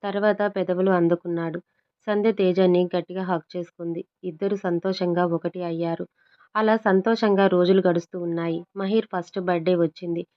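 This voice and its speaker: Low-voiced woman narrating a story. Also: fairly even intonation, brisk. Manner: reads all the parts herself in a plain voice. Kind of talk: scripted narration of a love story. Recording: dull lo-fi recording.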